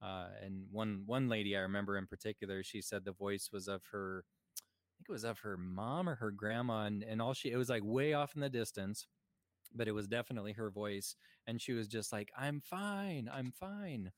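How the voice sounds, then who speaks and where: A man's voice: lowish voice, steady tone, a little fast, no echo, studio quality. A man co-hosting a podcast, talking in a chatty, joking way with many fillers. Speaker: podcast co-host. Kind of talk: casual chat.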